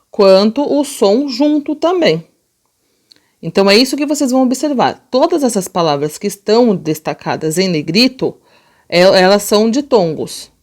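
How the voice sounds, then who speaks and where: A woman teacher with a Brazilian Portuguese accent, explaining a lesson to young children and slowly sounding out words. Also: medium pitch. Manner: slow, drawn-out sounding out of words; gentle, patient explaining to children. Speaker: primary school teacher. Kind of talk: remote class lesson.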